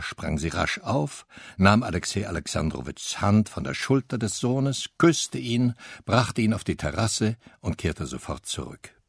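A man narrating an audiobook in a measured, even storytelling manner. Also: low voice, creaky, slightly rough, no echo, clean studio sound. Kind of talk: scripted narration.

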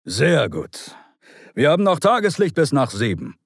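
A man shouting as a bossy ship captain. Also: on the high side, huge pitch swings, normal speed, slightly rough, no echo, studio quality, voice pushed up, exaggerated voice. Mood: commanding. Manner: barking orders, raised voice. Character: domineering middle-aged male ship captain, treasure-obsessed.

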